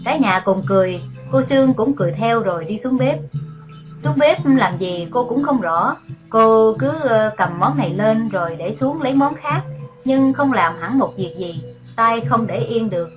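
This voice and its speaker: A woman narrating a story in a calm, unhurried way with many pauses. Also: a little high. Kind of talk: audiobook narration. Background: music.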